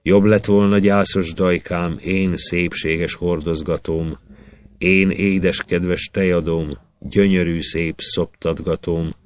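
A man's voice: low voice, fairly even intonation, slight background noise, lightly acted. A man reading the lament of a young grieving maiden in rhythmic verse, in his own voice.

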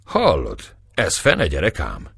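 A man's voice: low-pitched, wildly swooping pitch, gravelly, a bit bright, breathy edge, no echo, clean studio sound, full character voice. A man reading the part of a cautious, worried older male companion who warns anxiously. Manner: warning, anxious.

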